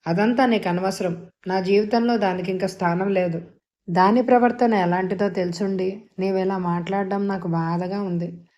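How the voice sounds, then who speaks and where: A jealous, bitter middle-aged man who pleads and then flares up, as a woman narrator reads him. The voice is mellow and dark in tone. It is a dialogue scene from an audio novel. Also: medium pitch, fairly even intonation, moderate pace, natural voice. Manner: bitter and heated.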